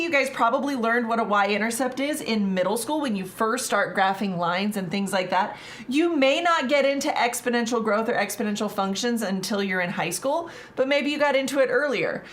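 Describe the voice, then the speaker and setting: A woman's voice: mid-range voice, a bit bright. A woman tutoring math live, talking casually with lots of fillers. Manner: casual, chatty, many fillers.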